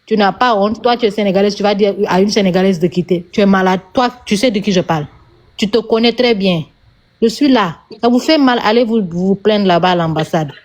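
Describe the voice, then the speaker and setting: Senegalese-accented woman, mid-pitched, lecturing hard with repeats, live-stream rant. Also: a little fast, a little mellow. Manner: emphatic, lecturing, repeats herself.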